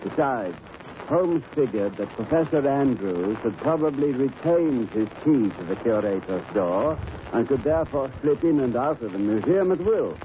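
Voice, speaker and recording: A tinny, noisy 1930s radio recording carries a male actor as an excitable gentleman doctor with a genial storytelling manner. He speaks at a medium pitch in the period radio drama style. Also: normal speed, lightly acted. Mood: genial, amused.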